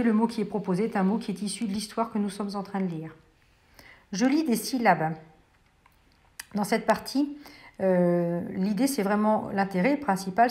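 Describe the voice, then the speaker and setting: A woman with a French accent who teaches first grade, patiently explaining a reading lesson to parents and slowly spelling out sounds. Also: medium pitch, darkish tone.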